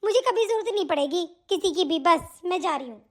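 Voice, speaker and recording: A woman voicing a young married sister in an animated family drama who taunts her brother and cuts ties in anger. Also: very high-pitched, brisk, a little hiss or hum. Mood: indignant. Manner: taunting, indignant.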